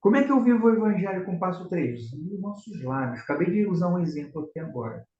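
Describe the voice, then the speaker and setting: A man's voice: sits high, very animated, quick pace, dark tone, a little hiss or hum. A man with a Carioca accent teaching a religious class on prayer, earnest and exhorting as he addresses his listeners as brothers. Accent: Carioca (Rio de Janeiro). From Rio de Janeiro, Brazil. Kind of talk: religious lesson. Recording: echoey room, slightly dull sound.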